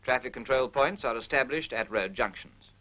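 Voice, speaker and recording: Formal scripted narration reminiscent of a 1940s military training film comes from a British man at medium pitch. He moves at normal speed with a bright, forceful tone, sounding instructional, precise and impersonal.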